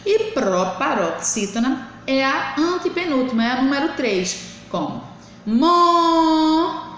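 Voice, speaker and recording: Woman, teacher, slow and clear, slightly high voice, echoey room. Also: very animated. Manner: slow, drawn-out syllable counting. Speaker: primary school teacher. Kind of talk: recorded remote lesson for children. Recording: echoey room with faint hiss.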